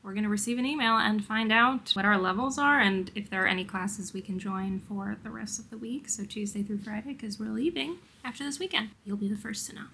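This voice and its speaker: A woman's voice: medium pitch, a little fast, vocal fry, few pauses, sharp tone, a little hiss or hum. A woman from the United States with an American accent, chatting casually and expressively as a travel vlogger. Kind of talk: casual vlog chat.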